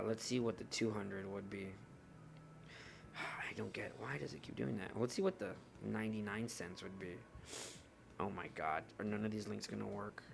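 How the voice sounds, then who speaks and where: A man's voice: on the low side, vocal fry, slight background noise. A young man streaming live, chatting casually and rambling to his viewers while he looks through his cards. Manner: rambling, chatty, talks to chat while browsing.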